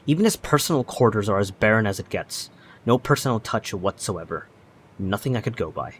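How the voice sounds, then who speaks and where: A man's voice: lowish voice, lively intonation, a little fast, a little hiss or hum. A man reading a story game's first-person narration aloud as he plays. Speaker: video game player reading aloud. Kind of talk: dramatic reading of game narration.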